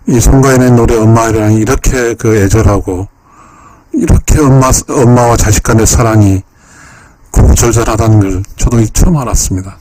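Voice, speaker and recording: A man's voice: on the low side, dark tone, no room sound. A man hosting a YouTube channel, giving a lecture-style analysis of song lyrics, emotional and repeating phrases over and over. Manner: polite addresses to viewers.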